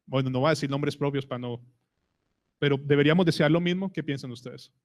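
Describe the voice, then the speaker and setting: A man's voice: on the high side, fast talker. A man with a Colombian Spanish accent preaching a sermon in church, asking the congregation questions and retelling conversations. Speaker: pastor.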